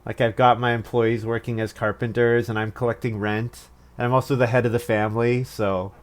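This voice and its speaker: Brisk and fairly flat in pitch, a man with a mid-range voice comments casually on his board game turns. He thinks through his moves aloud, teases himself, and chuckles at what he does.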